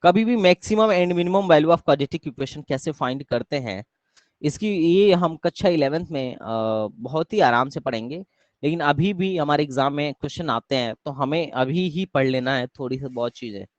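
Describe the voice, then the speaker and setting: A young man teaches a live math class, repeating his questions and asking the students to answer. His voice sits a bit high. The sound is dry and dull, like an online call. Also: lively intonation, a little slow, no room sound. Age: young adult.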